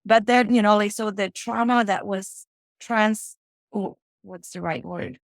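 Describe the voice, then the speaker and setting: A woman who grew up in Fiji, talking as a guest in a relaxed interview. She tells her story reflectively, often pausing to ask "right?" or add "you know". Her voice sits at an ordinary middle pitch and sounds close and dry, with no room echo. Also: creaky. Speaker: guest, financial strategist. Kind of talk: casual interview conversation.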